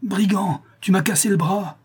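A man's voice: mid-range voice, expressive, moderate pace, dark tone, slightly rough. A man voicing a drunk, brutal young male bandit who snarls threats, reading a novel aloud. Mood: pained fury.

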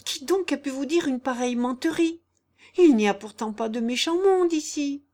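Taking on the role of a simple, devoted peasant girl in an audiobook, a woman speaks earnestly and plaintively, pleading in rustic phrasing. Her natural voice is pushed up on the high side and sounds a little mellow, moving at normal speed.

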